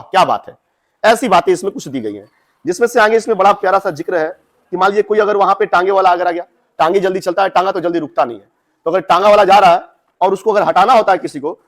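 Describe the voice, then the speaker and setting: Chatty male teacher, high voice. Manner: chatty, addresses students directly with asides. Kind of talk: explaining a Hindi story to students.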